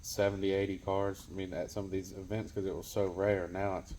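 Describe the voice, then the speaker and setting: Brief: man, very low voice, blunt racer, plainspoken, faint background hiss. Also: little pitch movement, brisk, dark tone. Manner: blunt, confident, lots of "I mean". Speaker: drag racer. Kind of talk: casual post-race chat.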